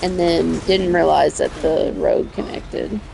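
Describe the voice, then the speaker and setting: A woman's voice: fairly low pitch, slow, creaky, mellow, a little hiss or hum. A woman chatting casually on a livestream while she plays a video game, rambling and self-correcting as she talks and laughing easily.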